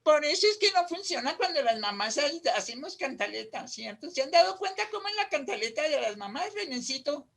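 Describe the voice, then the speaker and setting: A woman's voice: sing-song, fairly quick, creaky, few pauses, a bit bright. A woman leading an oral expression workshop on a video call, affectionate and full of diminutives, moving her voice up and down to show tone. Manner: affectionate, uses diminutives, swings between high and low voice to demonstrate tone. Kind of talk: casual teaching over a video call.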